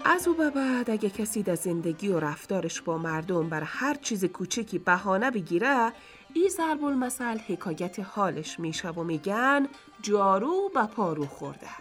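A woman reading a folk tale for radio in a lively, expressive way. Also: mid-range voice, soft background music. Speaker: radio storyteller.

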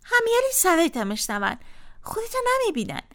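A woman hosting a children's radio show, talking in a gentle, coaxing, playful way. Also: very high-pitched, wildly swooping pitch.

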